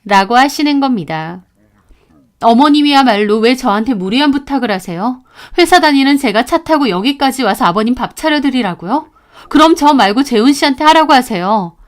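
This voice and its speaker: A woman's voice: sits high, animated, normal speed. A woman narrating her own story as a daughter-in-law, speaking in an indignant, aggrieved tone.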